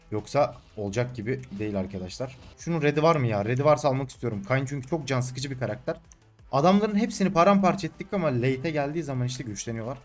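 A young man casually commentating his own gameplay, taunting and yelling at the screen, then calming down to explain his moves. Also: medium pitch. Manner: excitable, shouts and taunts at the game, swings between calm and loud.

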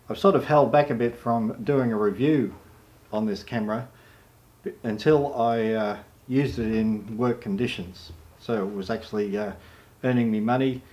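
Aussie photojournalist, middle-aged, easygoing vlogger, rambling delivery with fillers. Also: male voice, medium pitch. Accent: Australian. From Australia. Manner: relaxed and rambling, with many "uh" fillers. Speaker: photojournalist and camera reviewer. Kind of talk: casual vlog talk to camera.

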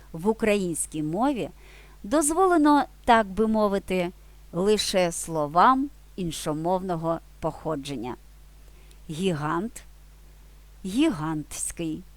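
A woman teaching a language lesson in a scripted video, slowly and clearly reading out word pairs. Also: fairly low pitch, dry recording.

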